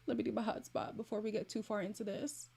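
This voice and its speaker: A woman with a mid-pitched voice hosts a casual livestream. She is sassy and opinionated, leaning hard on her points as she talks straight to her viewers. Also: steady tone, quick pace, creaky, dark tone, slightly rough. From Toronto, Canada. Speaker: livestream host.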